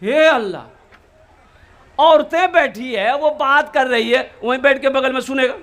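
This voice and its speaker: High-voiced preacher rousing a crowd. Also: male voice, measured pace, roomy sound. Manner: animated, calls for the crowd to answer back. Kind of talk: sermon to a live gathering. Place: religious gathering.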